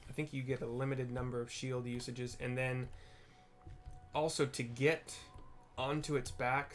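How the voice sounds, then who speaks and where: A man with a medium-pitched voice gives casual, unscripted commentary on a video game. He thinks aloud as he plays, rambling through explanations and frequently rephrasing what he means.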